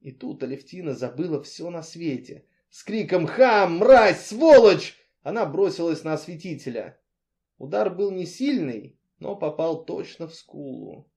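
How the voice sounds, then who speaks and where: Male audiobook narrator, mellow, slightly high. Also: lively intonation, normal speed, vocal fry.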